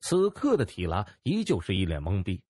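A man reading a novel aloud as audiobook narrator, in expressive storytelling style. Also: low-pitched, moderate pace, no echo, studio quality. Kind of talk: scripted narration.

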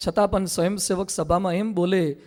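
A monk delivers a sermon in a remarkably high voice, spinning stories quickly and acting out everyday people along the way. He eases into a slower, chanted manner whenever he quotes scripture.

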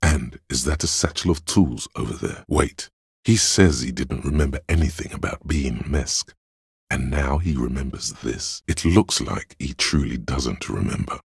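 A voice actor plays a detective's inner voice of logic in a video game, narrating inside his head with an extremely low, creaky, gravelly and husky male voice. Measured and deliberate, he is dryly analytical, coolly deductive, cerebral and a little condescending. The heavily acted recording sounds close and dry.

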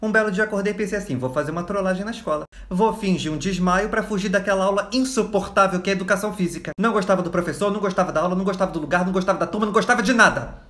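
A man from Rio tells comic stories at a rapid clip in a fairly high voice, jumping into the voices of the people in his anecdotes. The recording has a roomy echo around him. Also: fairly bright tone. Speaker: comedian storyteller. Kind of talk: comic storytelling.

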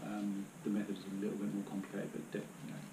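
A British man in his thirties talks casually through his hiking gear, rambling and filling pauses with ums and uhs. He kneels on the floor of his living room, picked up by a camera a few metres away. The room has a roomy echo, and clear background noise runs under his voice. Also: fairly low pitch, monotone. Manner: chatty, rambling, many fillers. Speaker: outdoor gear vlogger. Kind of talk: casual demonstration.

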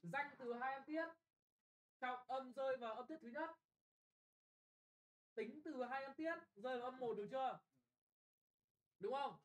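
Young man, classroom exam tutor; brisk, blunt, keeps checking if students follow. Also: very high voice, poor audio. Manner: brisk and bossy, often checking "got it?". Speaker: English tutor.

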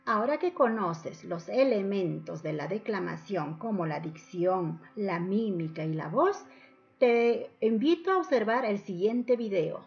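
A woman's voice: mid-range voice, lively intonation, measured pace, creaky, darkish tone. A woman narrating an instructional lesson as a teacher, enunciating didactically and stressing each point. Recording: dull lo-fi voice-over.

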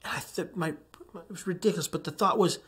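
A man's voice: sits high, quick pace, fairly bright tone, husky. A man giving an earnest personal testimony talk, moving between near-whispered passages and strong emphatic rises. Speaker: speaker telling his survival story.

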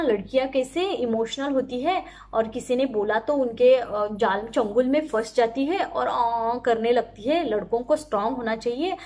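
A woman giving opinionated casual commentary on a reality show, asking pointed rhetorical questions and acting out what others said. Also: a little high.

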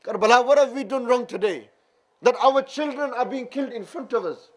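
A man's voice: extremely high pitch, a little fast. A man voicing grieving women in a sermon retelling, lamenting and questioning. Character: wailing grieving women, mothers in mourning.

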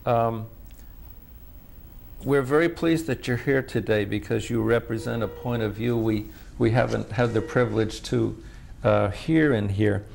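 A man conducting an oral history interview, asking questions in a formal, measured way. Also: medium pitch, vocal fry, a little mellow.

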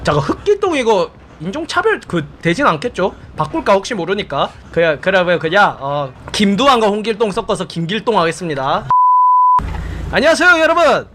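A man's voice: high voice, lively intonation, brisk, hardly any pauses, background noise. A young man streaming a game, chatting playfully and animatedly with his viewers.

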